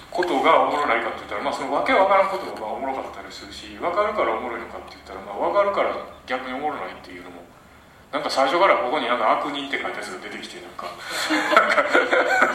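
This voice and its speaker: A man with a broad Osaka accent talks to a live audience in a novelist's lecture, rattling along fast with lots of fillers and questions thrown to the room. His voice is bright and sharp-edged with a lively, swinging pitch. He is picked up from a distance in a very reverberant room with a faint hum of ambience behind him. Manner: chatty and animated, many fillers, quizzes the audience. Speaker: novelist giving a talk. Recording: echoey room, mic at a distance.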